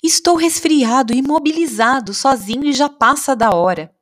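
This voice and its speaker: A woman's voice: high voice, normal speed, voice pushed up, close to an everyday voice. A woman voicing a lonely, cold snowman who pleads to be let inside, in a children's storybook reading. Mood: pleading.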